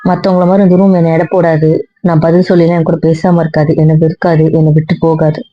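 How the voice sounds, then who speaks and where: ஒரு பெண் நடிகை, தன்னை நியாயப்படுத்திப் பிடிவாதமாகப் பேசும் மனம் உடைந்த இளம் பெண்ணாக நடிக்கிறார். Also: female voice, low-pitched, level tone, fast, faint music behind, natural voice. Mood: emotional. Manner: emotional, insistent, repetitive. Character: hurt young woman defending her refuge. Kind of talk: web serial monologue. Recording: dry dull lo-fi sound.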